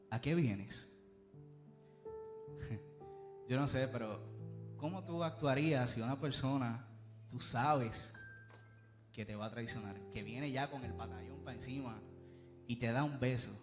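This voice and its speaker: A man preaching a sermon at a church service, swinging between loud emphasis and soft asides. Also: medium pitch. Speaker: youth preacher.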